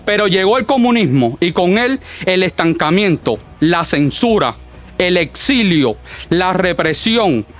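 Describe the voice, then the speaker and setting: A Cuban man speaks as a political orator in a formal, declamatory style. His voice sits high for a man. Soft music plays faintly behind the solemn address. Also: sing-song, measured pace. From Cuba. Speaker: political speaker at an exile inauguration. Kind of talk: formal political speech, partly read from a script.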